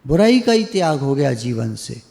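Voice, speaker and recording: A man's voice: mid-range voice, very animated, normal speed, gravelly, warm tone, big-room sound. A man giving a conversational devotional discourse over an online call, teasing his listeners and acting out the people he quotes. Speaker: spiritual teacher. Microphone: online video call.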